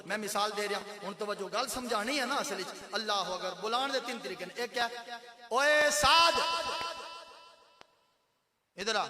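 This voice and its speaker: A man with a Punjabi accent preaching a sermon, moving from soft storytelling to loud sung cries. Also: sits high. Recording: echoey hall with crowd behind.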